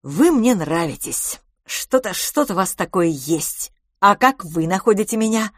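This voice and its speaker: A woman reading the part of a confident, boastful beauty salon owner in an audiobook, speaking briskly and emphatically. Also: mid-range voice, lively intonation, dry recording, studio quality.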